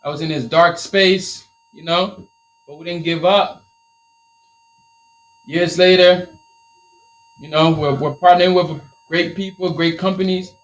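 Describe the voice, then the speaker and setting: Speaking with a Liberian accent, this man from Liberia hosts a relaxed live Q&A about selling t-shirts and hammers his points home again and again in an upbeat, motivating style. He sounds a little high, takes his time, and pauses often on a rough recording.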